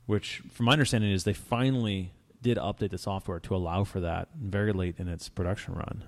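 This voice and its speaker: A man hosting a casual car talk show, telling stories in a relaxed, rambling way with many restarts. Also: low-pitched, brisk. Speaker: podcast host.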